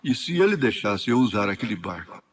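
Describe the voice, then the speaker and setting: A man with a Brazilian accent interpreting a sermon line by line, steady and faithful. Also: fairly low pitch, brisk, crowd noise.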